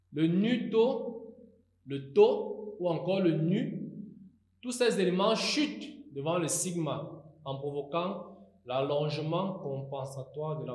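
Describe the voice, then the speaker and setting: Guy teaching a grammar class, kinda high voice, super slow and careful, roomy echo. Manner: slow, deliberate, spells out forms with hesitations. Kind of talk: recorded Greek grammar lesson.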